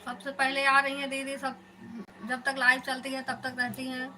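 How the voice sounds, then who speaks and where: A woman's voice: high voice, monotone, moderate pace, sharp tone, slight background noise, poor audio. A woman hosting a live stream, chatting casually with her viewers and calling them elder sister.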